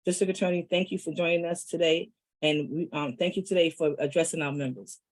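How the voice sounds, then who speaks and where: A woman's voice: low-pitched, fairly even intonation, a little fast, poor audio. A woman hosting an online meeting reads a prepared introduction of the guest speaker, with a few "um" fillers at the start. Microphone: video call.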